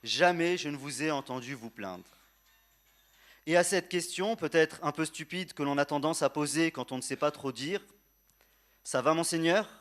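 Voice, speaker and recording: A man delivers a prepared funeral eulogy addressed to the deceased, in solemn, measured and tender oratory with repeated phrases and quiet grief. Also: on the high side, soft background music.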